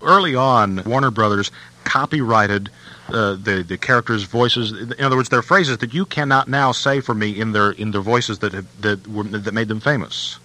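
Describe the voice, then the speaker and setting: A man's voice: fairly low pitch, moderate pace, pushed and bright, rough recording. A man interviewing a guest, asking questions in a curious, conversational way.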